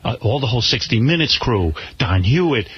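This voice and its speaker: Animated, swearing male radio host. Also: mid-range voice, fairly quick. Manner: profane, animated, ranting. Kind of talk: casual radio storytelling. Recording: slightly muffled radio broadcast, faint hiss.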